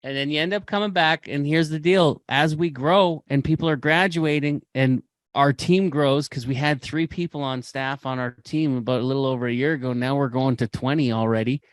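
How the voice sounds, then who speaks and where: A man's voice: mid-range voice, moderate pace, no echo. Impassioned male podcast host, dry sound. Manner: impassioned, preachy, repeats phrases for emphasis. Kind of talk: motivational podcast talk.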